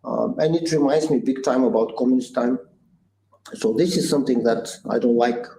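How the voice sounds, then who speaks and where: A Bulgarian-accented man in his sixties, a guest entrepreneur, gives conversational interview answers in an earnest, thoughtful way, often pausing on "uh" and restarting phrases. His voice is mellow and dark at a middle pitch. The room sounds roomy and echoey, with a faint hiss behind him.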